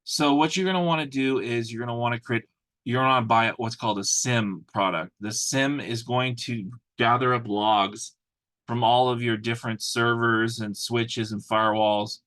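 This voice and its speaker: A man's voice: medium pitch, steady tone, normal speed, a bit bright, no room sound. A man explaining things informally as a trainer in a corporate training video, instructing the listener directly with practical examples. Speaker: cybersecurity compliance trainer.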